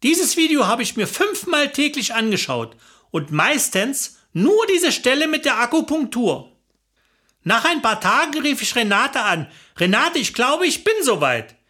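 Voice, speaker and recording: A woman telling a comic first-person story with lively, dry humor. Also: high-pitched, a little slow.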